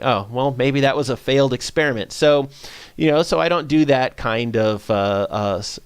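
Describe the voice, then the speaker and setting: A man presenting a science-communication webinar in a relaxed, conversational way, full of "uh" fillers and small self-corrections. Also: medium pitch, clear, resonant tone, dry recording. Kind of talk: informal webinar talk.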